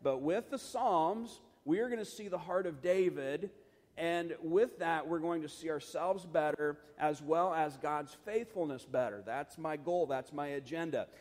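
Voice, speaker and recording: A man's voice: on the high side, unhurried, a little mellow. Man, middle-aged, Bible study teacher, earnest, casual, frequent fillers, long hall reverb. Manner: earnest, conversational, many fillers and restarts. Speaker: pastor.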